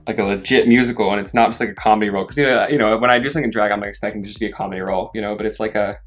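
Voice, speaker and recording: A young adult man who performs as a drag queen, chatting casually in an animated, rambling, self-deprecating way while doing makeup. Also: on the low side, very fast. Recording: music playing behind the voice. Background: music.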